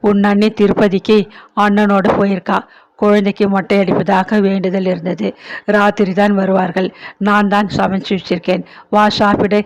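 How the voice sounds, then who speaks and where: A woman's voice: medium pitch, little pitch movement, normal speed, close to an everyday voice, rough recording. A woman reading as a weary, tender old mother. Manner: gentle, consoling.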